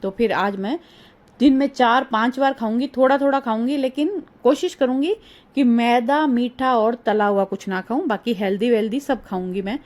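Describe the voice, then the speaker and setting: A middle-aged woman chatting through a casual vlog voice-over, rambling and homely, her voice a little hoarse. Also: a little high, normal speed, a little mellow. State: slightly hoarse. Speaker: vlogger. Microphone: phone.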